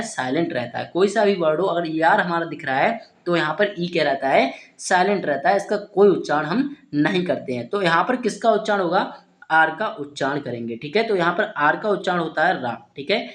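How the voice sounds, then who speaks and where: A man's voice: high voice, fairly bright tone. A man teaching beginners to spell and pronounce English words letter by letter, often asking a question and answering it himself. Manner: repeats ठीक है, asks and answers himself. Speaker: English tutor. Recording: roomy echo.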